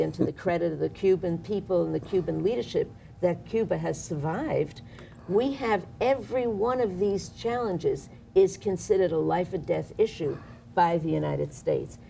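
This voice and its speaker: Woman activist, studio panel guest, gravelly and mellow, impassioned and sarcastic, faint hiss. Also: lowish voice. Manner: impassioned, sarcastic political commentary.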